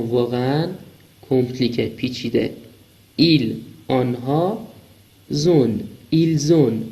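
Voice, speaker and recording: Gravelly-voiced man teaching French. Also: mid-range voice, dark tone, poor audio. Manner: explains slowly, reading French phrases then translating word by word. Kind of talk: recorded language lesson.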